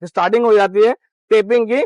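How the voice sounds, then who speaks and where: A man with a high voice gives a steady walkthrough of car accessories, explaining each option in a practical sales manner. The sound is dry and close, with almost no room echo. He talks like a fitter showing his work. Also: fairly quick. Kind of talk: product walkthrough.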